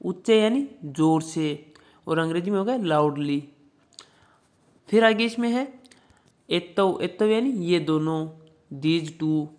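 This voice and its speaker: A teacher explaining word meanings to children, pronouncing each word slowly and often repeating it. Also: medium pitch, darkish tone. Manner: slow repeated pronunciation drills; addresses children directly, checks with "ठीक है".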